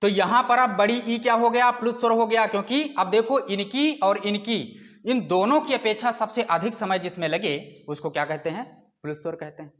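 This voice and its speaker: A man with a notably high speaking voice gives a classroom lecture. He asks questions of his listeners and answers them himself, and he draws out sounds to demonstrate them. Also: fairly bright tone. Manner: explains with rhetorical questions and drawn-out calls. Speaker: teacher.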